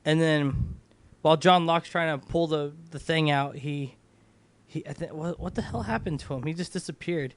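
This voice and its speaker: A man's voice: fairly high pitch, moderate pace, no room sound. A man who sounds tipsy, giving a loose, casual comedic recap as host and often stumbling and losing his thread. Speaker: host retelling a film for a comic review.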